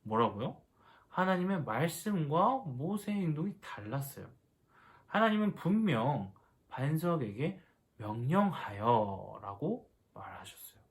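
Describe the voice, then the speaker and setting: A man leads a children's worship lesson, asking the kids question after question. His voice sits a bit high for a man and rises and falls a great deal as he talks. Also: measured pace. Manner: animated, asks the children questions. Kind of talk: children's sermon.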